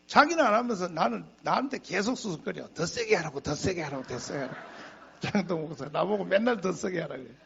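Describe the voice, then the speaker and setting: A man's voice: fairly high pitch, vocal fry, slightly rough, dull audio. A male pastor preaching a sermon, telling stories with emphatic repetition and chuckling asides. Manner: emphatic, repeats phrases for effect; animated storytelling with chuckling asides. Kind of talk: sermon to a congregation.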